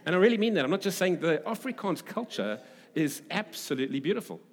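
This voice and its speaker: A pastor from Durban with a South African English accent preaches in a high, sing-song voice, halting and conversational, repeating phrases for emphasis. He reads scripture with conversational asides to a congregation in a large hall, and the recording is echoey with long reverb.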